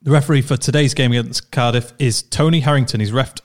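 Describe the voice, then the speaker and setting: Man, quick talker, mid-pitched, leads the chat on a football podcast. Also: fairly even intonation. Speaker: podcast co-host.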